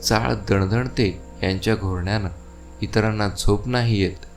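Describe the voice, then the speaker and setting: A man's voice: lowish voice, steady tone, unhurried, soft background music. A man reading the part of a meddling schoolmaster neighbour who contradicts everyone.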